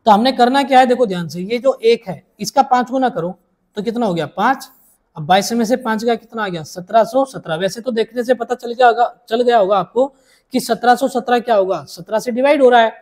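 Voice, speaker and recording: Male maths teacher, patient and repetitive, slows down to spell out each step for the class. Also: extremely high pitch, darkish tone. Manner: repeats each step slowly, addresses students as dear children. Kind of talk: blackboard maths lesson.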